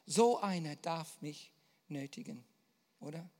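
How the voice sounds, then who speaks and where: A woman delivers a sermon with a lively, swinging pitch and an unhurried pace. She is emphatic and keeps putting questions to her listeners. Her voice carries a long, hall-like reverb. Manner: emphatic, builds to impassioned prayer. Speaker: preacher.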